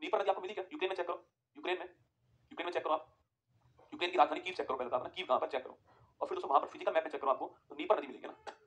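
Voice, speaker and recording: Guy running an online geography class, talks super fast, keeps repeating himself and asking if students got it. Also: on the high side, a bit bright. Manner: repetitive, keeps asking "ठीक है?"; addresses students as friends, gives dictation. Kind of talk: live online class lecture.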